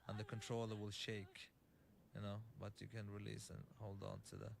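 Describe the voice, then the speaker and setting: A man giving developer commentary on his own game, halting and full of fillers and restarts. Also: lowish voice, level tone, vocal fry.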